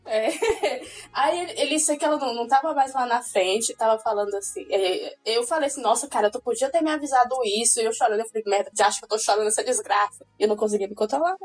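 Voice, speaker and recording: A Brazilian woman telling a personal story in casual chat, emotional and animated, swearing as she goes. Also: fairly high pitch, fast, faint music behind, rough recording. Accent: Brazilian Portuguese.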